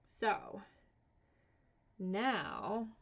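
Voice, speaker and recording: A woman's voice: mid-range voice, lively intonation, drawn-out words. A woman streaming a solo board game, casually thinking aloud, counting cards and talking herself through the rules with mildly exasperated asides.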